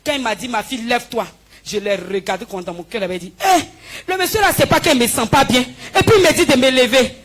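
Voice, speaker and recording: A woman giving a spoken healing testimony in church, telling her story with lively, acted-out dialogue. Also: a little high, fast. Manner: animated storytelling, acting out dialogue with the pastor. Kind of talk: spoken testimony before a congregation.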